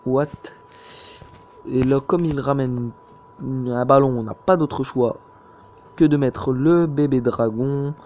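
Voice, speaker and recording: A man's voice: medium pitch, steady tone, takes it slowly, pauses often, darkish tone. A young man, commenting casually on his gameplay, hesitant and full of fillers. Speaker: gaming YouTuber. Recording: dull lo-fi mic with faint noise.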